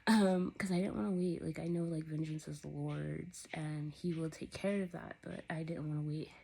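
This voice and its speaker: A woman's voice: low voice, steady tone, moderate pace, creaky, mellow, a little hiss or hum, rough recording. A young woman talking candidly to her camera in a sunny upstairs room at home, rambling and out of breath. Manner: rambling, candid, laughs between thoughts. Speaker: vlogger. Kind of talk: casual personal talk to camera.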